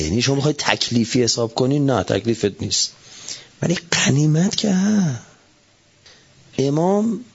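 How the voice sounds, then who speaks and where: A middle-aged man giving a religious talk, animated, swinging between loud emphatic lines and low soft asides. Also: slightly rough. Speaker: preacher. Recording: dull lo-fi recording.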